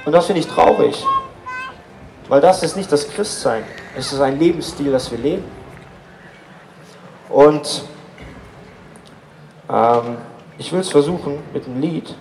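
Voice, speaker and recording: A man's voice: medium pitch, a little mellow, echoey room, slight background noise, poor audio. Earnest man giving casual faith testimony. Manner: informal, earnest, many fillers.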